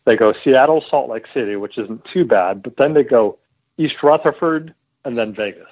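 A man's voice: mid-range voice, normal speed. A man co-hosting a casual radio chat, wry and joking. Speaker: co-host. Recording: tinny phone line.

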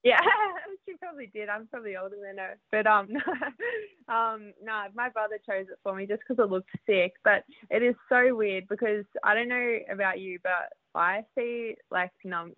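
A young Australian woman talks about riding in a chatty, easygoing way, her words full of fillers and quick laughs. Her voice comes through a dry, tinny, phone-like line. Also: medium pitch, dry recording. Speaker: guest, motocross rider. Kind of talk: casual interview.

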